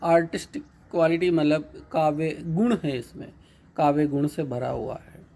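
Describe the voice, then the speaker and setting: A male teacher giving a patient, repetitive lecture, reading each line of an English poem slowly and then explaining it in Hindi. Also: on the high side, gravelly, warm tone.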